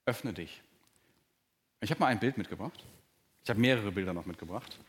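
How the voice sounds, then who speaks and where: A man preaching a sermon to his congregation in a church hall. He talks earnestly and often drops to a soft, slow voice to stress a point. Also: on the low side, lively intonation. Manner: earnest, varies pace and volume, drops to soft, slow emphasis. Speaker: pastor.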